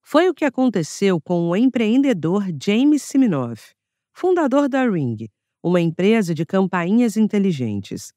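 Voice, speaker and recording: A woman with a Brazilian Portuguese accent reading a nonfiction audiobook in a clear, measured narration. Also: fairly low pitch, warm tone, no room sound, studio quality. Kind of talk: scripted narration.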